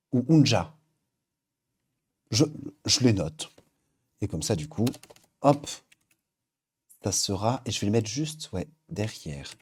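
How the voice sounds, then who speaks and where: A man hosting a live stream in a casual, chatty way, reading out viewer names and filling pauses with frequent hesitations. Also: medium pitch, a little mellow, slight background noise. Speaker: livestream host. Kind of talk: casual livestream chat.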